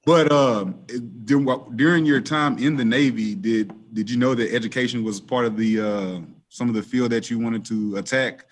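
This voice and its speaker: A man co-hosting a casual podcast, asking long, halting questions full of fillers. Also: mid-range voice, a little hiss or hum. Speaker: podcast co-host.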